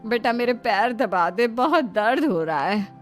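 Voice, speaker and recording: A woman's voice: on the high side, lively intonation, unhurried, soft background music. A woman voicing a bossy middle-aged village mother-in-law in a cartoon story, with a commanding, scolding manner.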